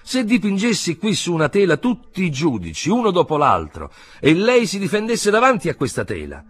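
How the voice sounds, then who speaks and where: A man reading an audiobook, voicing a brisk, self-assured adult male painter who speaks insistently and emphatically. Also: high-pitched, huge pitch swings, fairly bright tone, slightly rough, voice pushed up, full character voice.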